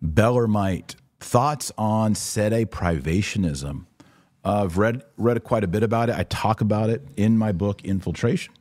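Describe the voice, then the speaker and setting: This podcast host and religious commentator takes viewer questions on his live show in a deep, slightly husky, somewhat mellow voice. He's unhurried yet emphatic, driving ideas home by repeating short phrases, and the close, dry sound carries no echo.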